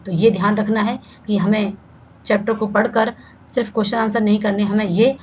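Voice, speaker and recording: A woman's voice: medium pitch, fairly even intonation, brisk, darkish tone. A woman teaching an online Hindi grammar lesson. She explains step by step and keeps checking in with "ठीक है". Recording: slightly dull lo-fi sound with faint background hiss.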